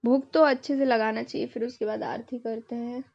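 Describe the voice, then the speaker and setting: A woman's voice: a little high, fairly even intonation, brisk, no room sound, lo-fi sound. A young woman vlogger narrating her family's festival video in a casual, chatty way, dropping in English words now and then.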